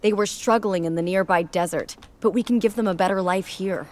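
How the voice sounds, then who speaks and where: A woman's voice: medium pitch, fairly quick, a little mellow, lightly acted. An actress playing a capable, pointed park colleague in a video game, assured in her delivery. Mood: businesslike. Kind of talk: video game character dialogue.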